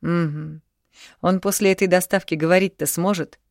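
A woman's voice: fairly low pitch, fairly even intonation, moderate pace, creaky, a little mellow, no echo, studio quality. A woman voicing a terse, dismissive young man in an audiobook. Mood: grumbling. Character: young man, cool and curt.

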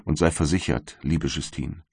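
A man voicing a grieving, gentle young noblewoman in a storybook reading, sorrowful and pleading in a very deep voice. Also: fairly even intonation, normal speed, vocal fry, dry recording, clean studio sound, full character voice.

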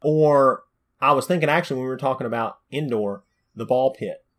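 Laid-back guy cohosting a podcast, joking around, mid-pitched voice. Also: a little fast, fairly bright tone. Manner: easygoing, rambling, joking. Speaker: podcast co-host. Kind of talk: casual chat.

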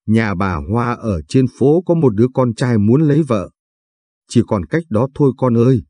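A man's voice: mid-range voice, expressive, moderate pace, warm tone, breathy edge, no room sound. A man voicing a desperate, indebted middle-aged mother who begs her child through tears. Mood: pleading. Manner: begging, weepy pleading.

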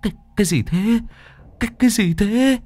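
A man's voice: high voice, normal speed, no room sound, voice pushed up. Man doing a foul-mouthed hothead football fan. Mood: startled. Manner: swearing, excitable.

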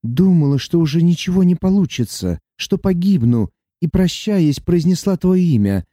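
A man's voice: fairly high pitch, animated, normal speed, mellow, no echo, studio quality, pitched above the performer's own voice. A man voicing an emotional young heroine who speaks earnestly and tearfully, in a raised voice. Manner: earnest, tearful, breathless pleading.

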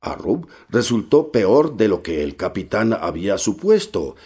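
A man reading a novel aloud as narrator, steady and measured with occasional hesitations. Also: fairly low pitch, breathy edge. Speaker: audiobook narrator.

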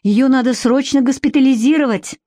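A woman's voice: sits high, a little fast, warm tone, dry recording, clean studio sound, voice pushed up, close to an everyday voice. A woman reading the part of an irritable, stubborn middle-aged man in an audiobook, curt and exasperated. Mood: dismissive.

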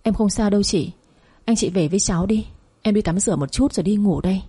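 A woman voicing a young woman speaking in a flat, withdrawn way, in an audio story. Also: medium pitch, fast talker, breathy edge, close to an everyday voice. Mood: numb. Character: numb, hollow young woman.

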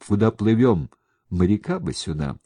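A man voicing a gruff army officer who grumbles. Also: fairly low pitch, very animated, moderate pace, warm tone, dry recording, clean studio sound. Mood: grumbling.

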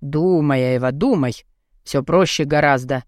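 A woman voicing a gruff, bossy big man. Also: low voice, unhurried, darkish tone, dry recording, clean studio sound, voice pushed down. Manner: growling, curt and bossy. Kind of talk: audiobook character voice.

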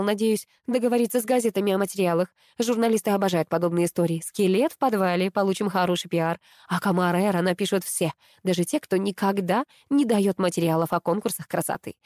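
Woman doing a bossy, shouting older pageant boss. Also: medium pitch, no room sound, studio quality, close to an everyday voice. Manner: imperious, shouting orders.

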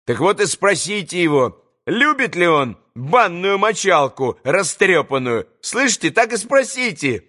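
A man's voice: high voice, sing-song, a little slow, hardly any pauses, sharp tone, full character voice. A man voicing an eager, mocking older schoolboy who talks insistently.

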